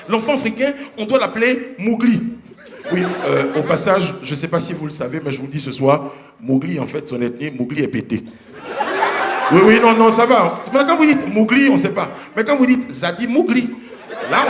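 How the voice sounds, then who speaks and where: A man performing a stand-up comedy set on stage, animated and acting out characters with sudden high voices. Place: comedy stage before a live audience. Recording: roomy live stage sound with audience.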